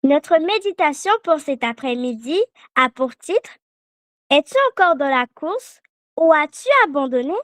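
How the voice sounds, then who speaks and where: A woman's voice: high voice, expressive, fairly bright tone, no echo, studio quality. A woman preaching a meditation to a children's prayer service, leading the group in repeating a verse. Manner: slow, deliberate, leads call-and-response repetition. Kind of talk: sermon.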